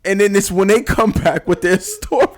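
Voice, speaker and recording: A man co-hosting a podcast, jumping in with excited, laughing remarks in casual chat. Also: high voice, moderate pace. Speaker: podcast co-host.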